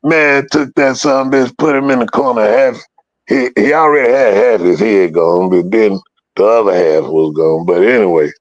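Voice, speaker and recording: A man's voice: on the low side, normal speed, no echo. A man telling a story in an interview, casual and full of profanity, acting out the voices of the people in it. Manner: profane, animated, acts out quoted voices. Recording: dull lo-fi dry recording.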